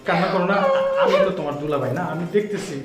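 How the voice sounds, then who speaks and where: An actor playing an exasperated groom who cajoles and protests in a comedy drama, recorded in an echoey room with music behind. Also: male voice, sits high, very fast, natural voice. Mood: soothing. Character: exasperated groom sorting out a family muddle.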